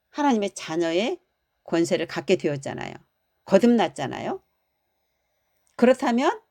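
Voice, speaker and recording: A woman pastor preaching a sermon, her voice rising and falling widely. She talks to the congregation with animated emphasis and briefly acts out the lines she quotes. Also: medium pitch.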